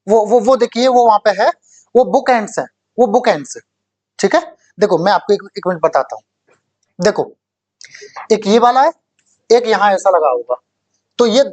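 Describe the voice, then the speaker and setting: A male English teacher giving a classroom lecture for exam prep. He explains slowly, repeats key words and keeps quizzing the class. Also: high-pitched. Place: coaching classroom.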